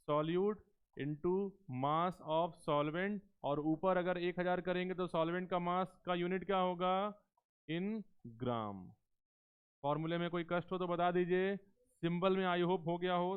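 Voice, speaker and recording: A man teaching chemistry in a live class, coaxing students with questions and slowing down to dictate terms word by word. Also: sits high, clean tone. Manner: coaxing, keeps asking students questions and calls them beta. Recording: tinny phone-like lecture recording.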